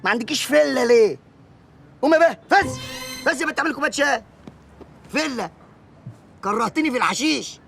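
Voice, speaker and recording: A man's voice: extremely high pitch, expressive, gravelly, fairly bright tone, soft background music, full character voice. An actor playing a poor, street-smart young man who is brash and mocking in a film comedy. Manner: brash, quick-witted, mocking.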